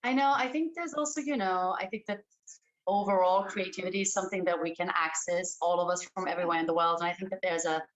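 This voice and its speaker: A woman's voice: fairly low pitch, quick pace, muffled recording. A woman who grew up in Austria, an actress, talking thoughtfully in an interview. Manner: reflective, thoughtful, hesitant fillers. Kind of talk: casual interview chat.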